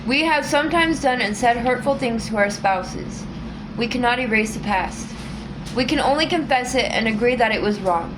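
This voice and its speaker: A woman reading a book aloud in a calm, measured way, with an occasional small restart. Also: a little high, background noise. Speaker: audiobook reader.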